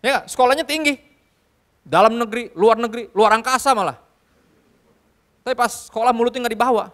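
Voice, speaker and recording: A male youth pastor preaching to a live audience in a church hall, lively and joking, often switching into English. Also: extremely high pitch. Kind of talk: sermon.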